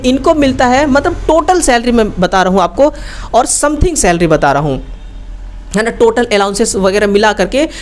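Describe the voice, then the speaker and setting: A woman teaches an informal online exam-prep lesson, explaining things colloquially and often adding check-in tags. Her voice is on the high side and slightly mellow.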